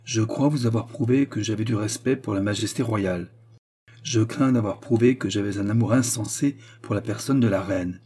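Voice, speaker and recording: A man's voice: on the low side, normal speed, dark tone, slightly rough. A man reading a furious young nobleman. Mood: brooding. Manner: intense, accusing, barely restrained. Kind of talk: audiobook character reading.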